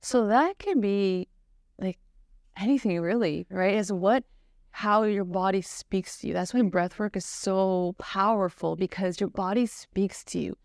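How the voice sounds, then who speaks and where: A woman's voice: medium pitch, unhurried, darkish tone, dry recording, studio quality. A woman guest on a podcast, earnestly telling a personal story with lots of "like" and "you know". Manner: earnest, searching, heavy use of "like" and "you know".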